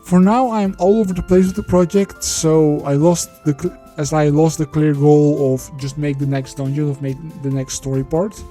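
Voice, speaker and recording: A man talking through a voice changer that disguises his voice, narrating a game-development video in a blunt, sweary way that gets loose and halting when he goes off script. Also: on the high side, fairly even intonation, warm tone, faint music behind. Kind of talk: devlog voiceover.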